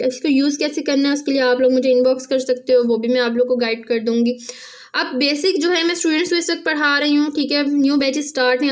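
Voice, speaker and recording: A woman teaching a casual language lesson, often checking in with "theek hai" and slowing down to spell out sounds. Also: sits high. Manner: repeats "theek hai" after each point, spells out sounds slowly.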